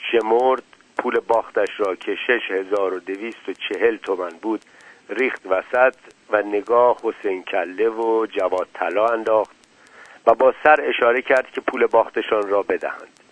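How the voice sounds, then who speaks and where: Low-voiced man reading a novel aloud. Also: no room sound, rough recording. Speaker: audiobook narrator. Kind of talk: narrating a novel, voicing the characters.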